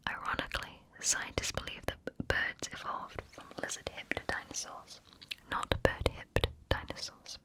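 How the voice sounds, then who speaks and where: An ASMR narrator whispering scripted facts right up close to the listener's ear throughout. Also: low-quality recording. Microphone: close ear-to-ear stereo microphone.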